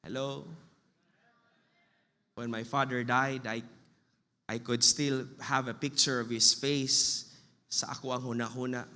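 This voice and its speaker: A man with a Filipino accent preaching a sermon as pastor, slow and emphatic, in a church hall. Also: medium pitch, flat delivery, bright, forceful tone. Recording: long reverb of a church hall.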